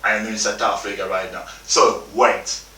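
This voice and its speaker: A man's voice: on the low side, steady tone, moderate pace, pushed and bright. A man, giving an emphatic motivational talk with informal, repetitive phrasing. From Democratic Republic of the Congo. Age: 30s. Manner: emphatic, repeats himself, informal non-native English phrasing. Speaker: motivational speaker. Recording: echoey room, mic at a distance, faint music.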